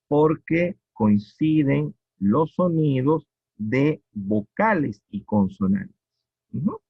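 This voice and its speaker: A man with a Peruvian accent teaching a poetry lesson, explaining slowly and repeating each point with checking questions. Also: medium pitch, husky, no echo. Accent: Peruvian Spanish. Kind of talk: classroom lecture on poetry. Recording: dull lo-fi recording.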